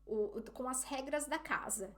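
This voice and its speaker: Chatty Brazilian woman with a higher voice. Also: a little slow, faint music behind. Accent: Brazilian Portuguese. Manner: chatty, often addresses listeners as "gente". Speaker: vlogger. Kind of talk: casual storytelling to camera.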